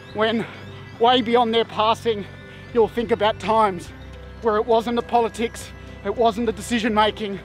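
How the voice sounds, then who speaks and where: A man vlogging, telling a story in an animated, emphatic way. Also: high voice. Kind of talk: casual storytelling monologue.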